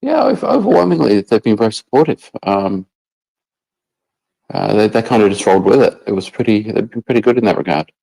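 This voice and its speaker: Deep-voiced man chatting on a call. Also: sing-song, fairly quick, vocal fry, mellow, low-quality recording. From England. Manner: rambling, many restarts and fillers. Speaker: guest. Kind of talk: casual chat.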